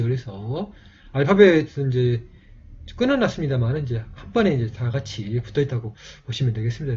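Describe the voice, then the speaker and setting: A man teaching a lesson on old scripts, explaining slowly and haltingly with many fillers. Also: medium pitch, warm tone, slightly rough. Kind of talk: lecture on a video channel. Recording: dull, muffled lo-fi audio.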